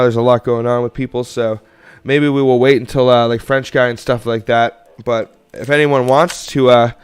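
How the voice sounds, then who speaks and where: A young Canadian man with a medium-pitched, clean voice hosts a coin roll hunting livestream. He chats casually and rambles to viewers while sorting coins.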